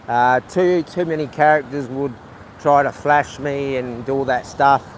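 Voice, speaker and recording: This livestreaming vlogger from New Zealand has a mid-range voice with a steady tone, and a little hiss or hum sits under the recording. Talking casually on a phone stream at an outdoor night market, he rambles, hesitates, and keeps starting his sentences over.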